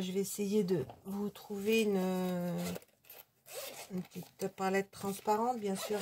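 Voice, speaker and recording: A woman hosting her own hobby channel at home, giving a casual, unscripted product review in a chatty, hesitant way full of fillers. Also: medium pitch.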